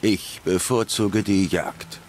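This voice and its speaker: A male actor playing a terse, stoic monster hunter in a fantasy video game, gravelly and deadpan. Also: low-pitched, slow, slight background noise. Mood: stoic, dry. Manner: laconic, deadpan. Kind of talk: scripted video game dialogue in German dub.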